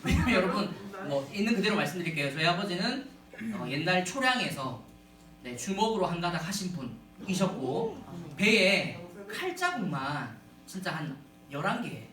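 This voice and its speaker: A man giving a humorous storytelling sermon to a youth retreat, animated and often addressing the audience, in a large echoey hall from a distance. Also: high voice, moderate pace.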